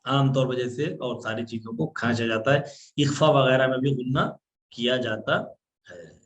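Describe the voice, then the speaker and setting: At a normal speed and a steady tone, this medium-pitched male teacher leads an online Quran recitation lesson. He explains each rule patiently, one step at a time, and draws out sounds as examples.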